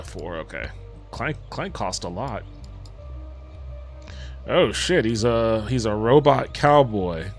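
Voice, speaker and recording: A man streaming a video game live, talking into a headset mic, reacting aloud, reading game text and swearing casually. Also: fairly low pitch. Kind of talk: casual live gaming commentary.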